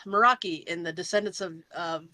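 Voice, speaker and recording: A woman co-hosting a casual podcast chat, animated and gushing, quick to laugh. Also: fairly low pitch. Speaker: podcast co-host.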